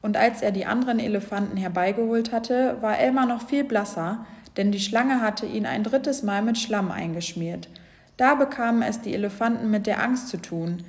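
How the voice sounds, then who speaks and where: A woman reading a children's storybook aloud in a gentle, clear voice. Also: mid-range voice, moderate pace.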